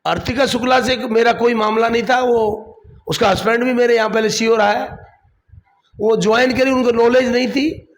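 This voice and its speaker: Guy, high voice, district chief brushing off reporter questions, keeps repeating himself. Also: fairly even intonation, normal speed. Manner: defensive, evasive, repeats his points. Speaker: district council chief, interviewee. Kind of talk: political interview.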